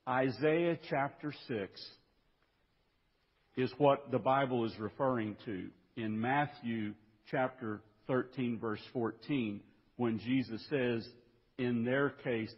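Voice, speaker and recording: A man preaching a sermon as pastor, reading scripture in a measured way and building to raised, emphatic passages. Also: medium pitch, breathy edge. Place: church sanctuary. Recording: dull lo-fi recording in a reverberant church.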